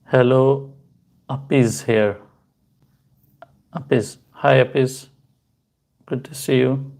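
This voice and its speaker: A man hosting a casual crypto livestream, answering viewer comments in a halting way with many fillers and chatty asides. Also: medium pitch, a little mellow. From Pakistan. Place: home, in Canada.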